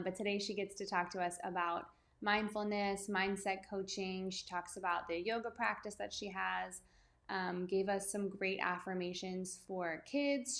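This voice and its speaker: A woman hosting a podcast, chatting in a friendly, rambling way while recording outside in her backyard. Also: mid-range voice. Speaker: podcast host, running coach. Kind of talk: casual podcast intro and interview. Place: outdoors in a backyard.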